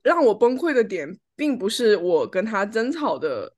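A woman's voice: medium pitch, big pitch swings, normal speed. A woman chatting casually at home as a podcast co-host, telling a personal story and acting out the lines of an argument. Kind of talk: casual chat.

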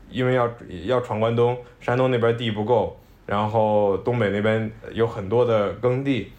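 A man co-hosting a podcast, reflectively telling a family story in casual conversation. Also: fairly low pitch. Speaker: podcast co-host. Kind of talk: casual chat.

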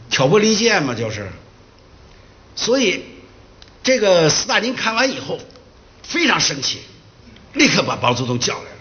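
Animated man telling history in a lecture. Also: high voice, dull audio. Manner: animated storytelling, acts out quoted dialogue.

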